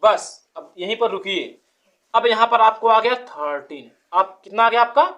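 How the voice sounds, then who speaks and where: A woman's voice: fairly high pitch, animated, a bit bright, dull audio. Patient woman teaching kids to count. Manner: patient, repeats quiz questions for a child to answer; counts numbers aloud slowly. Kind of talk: children's counting lesson.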